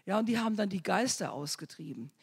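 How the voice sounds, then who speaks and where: A husky-voiced woman preaches in a church hall, and her words ring out in a long reverb. She tells testimonies in an emphatic storytelling manner and builds to loud, urgent exhortation. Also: medium pitch, animated, quick pace. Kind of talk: charismatic sermon with testimony.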